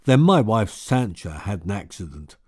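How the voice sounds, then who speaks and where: A man's voice: on the low side, sing-song, moderate pace, a little mellow, husky, no echo, clean studio sound. A man voicing a rude, blunt middle-aged laborer in an audiobook. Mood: gruff. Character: gruff, rude middle-aged male plantation worker.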